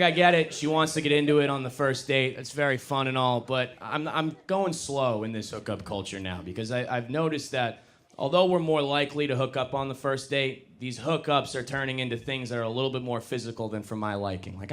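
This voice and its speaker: A young man performing a stand-up comedy set on a club stage, self-deprecating and deadpan, then suddenly loud. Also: medium pitch, fairly quick. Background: audience laughter.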